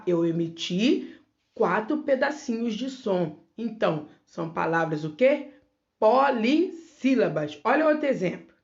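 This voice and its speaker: A Brazilian Portuguese woman teaching young children in a remote lesson, sounding out words slowly syllable by syllable. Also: medium pitch, animated, creaky, highs cut off. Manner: slow, syllable-by-syllable word demonstrations. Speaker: primary school teacher.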